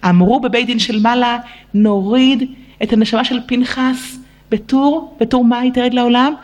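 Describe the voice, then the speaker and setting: A middle-aged woman telling a sermon story to girls, leaping high and slow into quoted and prayed lines, tearful at times. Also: fairly even intonation, darkish tone. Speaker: religious teacher addressing girls.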